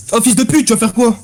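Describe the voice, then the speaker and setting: A man's voice: high voice, darkish tone. A man from France trading aggressive, taunting insults in a heated online trash-talk battle over a voice chat call.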